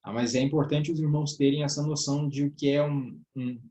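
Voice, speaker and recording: A man's voice: on the high side, fairly even intonation, fairly quick, warm tone, slight background noise. A man teaching a classroom grammar lesson in a southern Brazilian accent. He explains step by step, often ends phrases with a checking "tá?" or "né?", and addresses his listeners as brothers. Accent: southern Brazilian Portuguese. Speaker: teacher of a church workers' course. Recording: echoey room.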